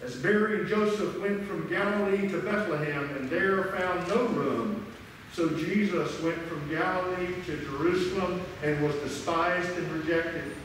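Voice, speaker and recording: A high-voiced older man leads church liturgy as a pastor, solemn and measured. His words ring out in a long cathedral echo, picked up from a distance. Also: a bit bright. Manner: solemn, measured, declaiming to a congregation. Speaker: pastor leading a Christmas Eve communion service. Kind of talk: liturgy and prayer led aloud. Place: large church sanctuary, indoors. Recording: echoing cathedral-like church reverb, distant microphone, faint noise.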